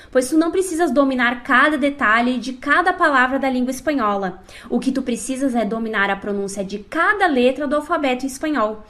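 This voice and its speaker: A woman teaching a scripted online language lesson, explaining clearly and speaking directly to the learner. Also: sits high, a bit bright. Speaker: Spanish teacher.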